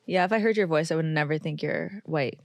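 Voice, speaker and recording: A giggly, playful woman co-hosting a podcast, quick to fire back in casual chat. Her voice is lighter and higher than the men around her, and the sound is dry and close. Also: gravelly, no echo. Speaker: comedian, podcast co-host.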